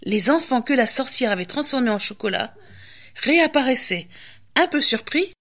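A woman storyteller and radio host reading a children's tale aloud with lively, expressive pacing. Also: high-pitched, normal speed.

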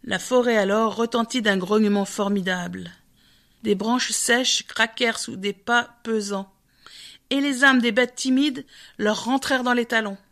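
Higher-voiced woman reading a fable. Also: fairly bright tone. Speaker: narrator. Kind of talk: storybook reading.

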